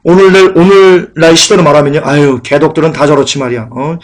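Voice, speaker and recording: A jeering male scoffer, as a preacher puts him on, sneering and scornful at the people he mocks. The voice sits a little high for a man. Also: fairly even intonation, brisk, close to an everyday voice. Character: jeering adult male scoffer mocking believers.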